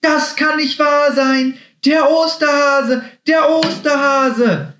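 A man voicing an eager, excitable male mascot creature in a children's story. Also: medium pitch, normal speed, a little hiss or hum. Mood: overjoyed. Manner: excited, breathless, eager questions. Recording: roomy echo.

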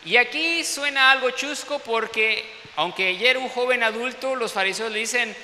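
A middle-aged man, preaching a sermon in an animated storytelling manner, often asking his listeners to confirm what he says. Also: very high-pitched, normal speed. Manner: storytelling, animated, peppered with tag questions. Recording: long hall reverb, faint hiss.

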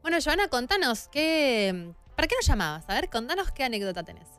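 A woman's voice: sits high, very animated, a little fast, a bit bright, clean tone, soft background music. A woman with a Rioplatense Argentine accent co-hosting a radio show, telling stories in a playful, self-mocking way. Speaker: radio co-host. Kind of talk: casual radio chat.

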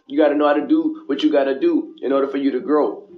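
A man's voice: fairly high pitch, steady tone, quick pace, narrow, tinny audio, soft background music. Man preaching motivation in an echoing bathroom. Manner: preachy, repetitive phrasing with street slang and swearing. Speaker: radio show host. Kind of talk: motivational casual monologue to listeners. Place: small indoor bathroom. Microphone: cell phone with headphones. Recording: echoing bathroom, band-limited cell phone headset.

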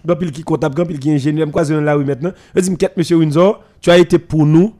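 A man, a teacher telling stories on a radio talk show in an animated way, often stammering and repeating words. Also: on the high side, fast talker.

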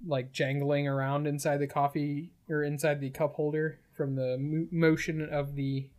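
A man's voice: fairly high pitch, level tone, normal speed, darkish tone. A man casually describing an imagined film scene, with many fillers. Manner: loose, filler-heavy narrating. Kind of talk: casual comedic story pitch.

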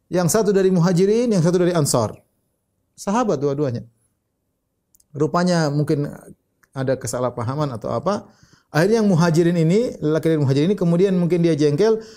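Man preacher, slightly high voice, storytelling lecture with Arabic quotes, explanatory, restarts often. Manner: rises sharply when voicing shouts in the story. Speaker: Islamic preacher.

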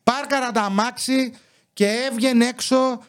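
A man's voice: very high-pitched, smooth. A young man hosting a podcast, telling rambling, sarcastic stories about his neighbors in a casual monologue. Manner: rambling, sarcastic, animated retelling. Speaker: podcast host.

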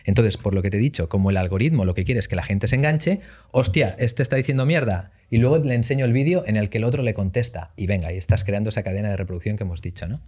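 A man chatting as a podcast guest, telling animated stories and acting out what people said. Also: fairly low pitch, fast. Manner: animated storytelling, acts out quotes. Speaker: guest youtuber. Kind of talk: casual podcast chat.

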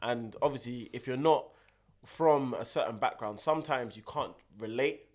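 A man's voice: mid-range voice, moderate pace. A young man with a London roadman accent, bantering casually in slang and repeating phrases for emphasis. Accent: London roadman, urban multicultural London slang. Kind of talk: casual banter between friends.

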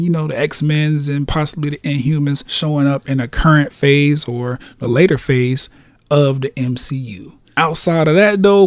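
A man's voice: mid-range voice, darkish tone, no echo. A man hosting a casual solo podcast, laid-back, laughing often and swearing freely. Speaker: podcast host.

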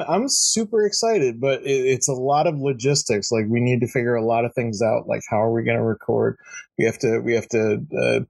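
A man's voice: mid-range voice, vocal fry, low-quality recording. A young man co-hosting a podcast in casual chat, rambling with lots of ums, sounding like he just woke up. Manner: rambling, many ums and restarts, sleepy-sounding. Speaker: podcast co-host.

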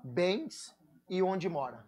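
A man's voice: sits high, animated, takes it slowly, a little mellow. A man interviewing a pastor, playful and teasing at first, then asking earnest questions. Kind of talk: casual church interview.

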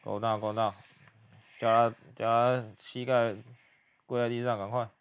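Young man, smooth clear voice, quiet muttered play-by-play reaction host. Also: medium pitch, little pitch movement, unhurried. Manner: hushed, muttered running commentary.

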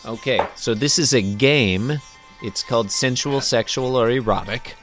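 A man's voice: medium pitch, unhurried, faint music behind. A man hosting a casual podcast, bantering playfully and running a made-up game like an emcee. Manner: animated, playful game-show emcee delivery. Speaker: podcast host.

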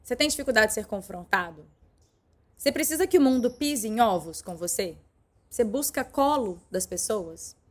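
A woman's voice: fairly high pitch, expressive, normal speed. A middle-aged woman teaching a live-streamed online lesson, speaking directly and affectionately to her viewers. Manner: warm direct coaching, addresses viewers affectionately.

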